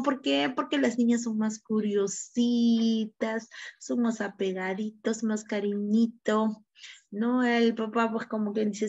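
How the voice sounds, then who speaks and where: Slow-talking Peruvian woman teacher. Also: fairly high pitch, muffled recording. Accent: Peruvian Spanish. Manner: slow, questioning, repeats words with tag questions. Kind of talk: online class lecture.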